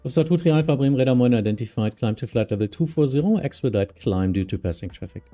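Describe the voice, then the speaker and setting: A man's voice: medium pitch, expressive, fast talker, warm tone, soft background music. A man with a German accent streaming as an air traffic controller, mixing radio phraseology with casual remarks.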